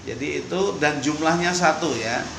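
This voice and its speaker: A man teaching an English lesson, slow and patient, repeating each sentence for learners. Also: on the high side, background noise. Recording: echoey room, faint ambience.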